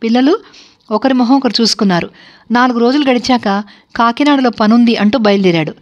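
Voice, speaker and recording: A woman narrating a family story for an online video in a calm, steady manner. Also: on the high side, fairly quick, dull audio.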